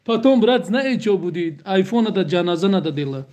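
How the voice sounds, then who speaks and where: High-voiced Tajik man, joking livestream chat. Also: animated, brisk, darkish tone. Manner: joking, speaks broken Russian in short repetitive bursts. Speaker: livestream host. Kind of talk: casual livestream chat with viewers.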